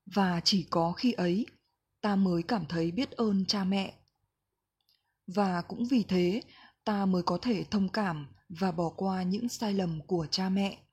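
A woman reading a reflective book passage aloud in a slow, gentle, measured way. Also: mid-range voice, husky. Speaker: book reader.

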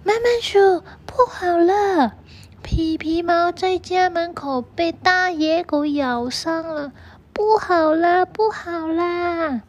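A woman voicing a frantic little rabbit in a children's storybook, shouting in alarm. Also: extremely high pitch, takes it slowly, voice pushed up. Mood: panicked. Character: small rabbit friend, frantic and panicked.

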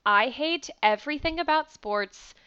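A woman in her thirties co-hosting a casual podcast, wry and teasing with quick quips. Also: high voice, lively intonation, bright, forceful tone, no room sound. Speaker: podcast co-host. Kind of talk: casual chat. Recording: dry lo-fi borrowed equipment.

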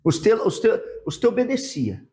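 A man interviews a church member as her pastor, restating her answers and stumbling over repeated words. His voice sits a little higher than most men's. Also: huge pitch swings, a little slow, warm tone.

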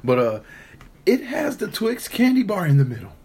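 A man's voice: high voice, huge pitch swings, normal speed, a little mellow, husky. A congested man co-hosting a podcast, chatting loosely and cursing as he jokes. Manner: loose and profane, joking. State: congested, coughing. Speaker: podcast co-host. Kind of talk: casual chat.

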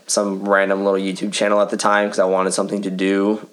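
A man co-hosting a podcast in relaxed, casual chat. His voice sits fairly low, and he talks fast and laughs easily. He is recorded in a cozy living room full of pillows. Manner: fast-talking, laughs often. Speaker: podcast co-host.

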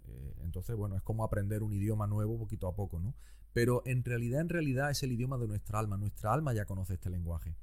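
A man, a guest teacher explaining things calmly and patiently in conversation. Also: lowish voice, fast. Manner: calm, didactic, explains patiently.

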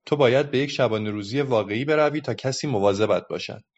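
A man's voice: mid-range voice, lightly acted. A man voicing a patient, patronizing adult policeman who lectures a child, in a dull lo-fi recording. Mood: lecturing.

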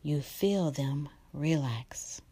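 A woman guiding a relaxation meditation in a soft, slow, partly whispered delivery. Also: sits low, slightly rough. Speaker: meditation guide.

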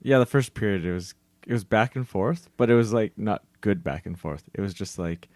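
A man with a deep voice co-hosts a sports podcast. He talks in a loose, conversational style, recorded dry without room echo. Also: fairly quick, darkish tone. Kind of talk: casual hockey chat.

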